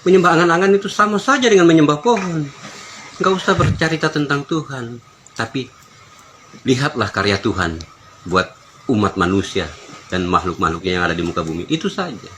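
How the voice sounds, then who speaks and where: Older man, emphatic spiritual teacher, medium pitch, informal didactic discourse, faint background noise. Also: lively intonation, a little fast, a bit bright. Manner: emphatic, aphoristic, didactic delivery. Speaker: spiritual teacher answering questions. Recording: noisy ambient background.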